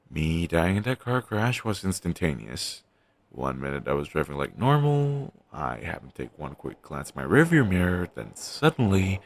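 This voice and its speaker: In an intimate, scripted audio roleplay addressed to the listener, a man plays a resigned zombie best friend. His extremely low, husky voice moves slowly through halting, deadpan, listless phrases with long pauses, morose and quick to put himself down. The recording is dry, and the delivery is heavily acted.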